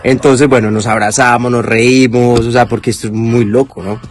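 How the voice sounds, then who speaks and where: A man casually telling a funny personal anecdote in an animated way, acting out what people said. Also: mid-range voice, normal speed. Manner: animated storytelling, acting out quotes. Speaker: storyteller.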